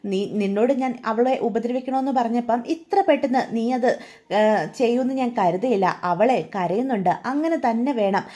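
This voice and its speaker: A woman's voice: on the high side, fairly quick, dark tone, close to an everyday voice. A woman voicing a scheming, spiteful father who gloats over another's misery. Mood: gloating. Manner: gloating and conspiratorial.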